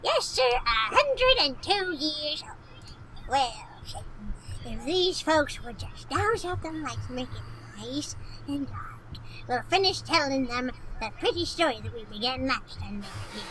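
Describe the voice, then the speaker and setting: A woman's voice: sits high, lively intonation, pushed and bright, slight background noise, heavily acted, low-quality recording. A woman playing a 102-year-old witch who tells horror tales with gleeful, theatrical relish in old-time radio style. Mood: sinister glee. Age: 102-year-old figure. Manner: gleeful, theatrical storytelling with drawn-out words.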